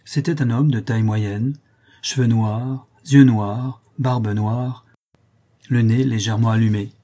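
A man calmly narrating a classic story as an audiobook reader, with measured storytelling. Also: medium pitch.

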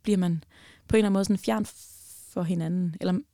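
A young woman telling a personal story as a podcast guest, animated and emotional, with many fillers. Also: lowish voice, no room sound, clean studio sound.

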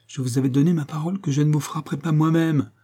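A man's voice: on the high side, fairly even intonation, fast talker, mellow, pitched above the performer's own voice. A man reading an audiobook and voicing a suave, cruel master criminal who mocks his victim with false politeness. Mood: cold. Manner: smooth, mocking, falsely polite.

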